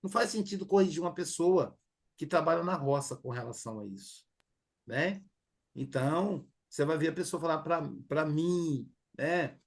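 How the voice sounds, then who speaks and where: A man's voice: on the high side, moderate pace. A middle-aged man with a Brazilian accent giving a conversational class lecture, full of fillers and acted quotes. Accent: Brazilian Portuguese. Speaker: teacher.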